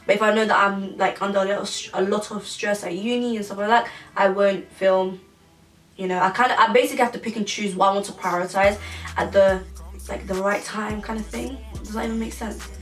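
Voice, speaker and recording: Speaking fairly fast in a mid-range voice with fairly even intonation, a YouTuber from England in her twenties rambles through a casual Q&A, restarting her sentences many times. The recording is distant, a bit off-mic, and echoey, with music underneath.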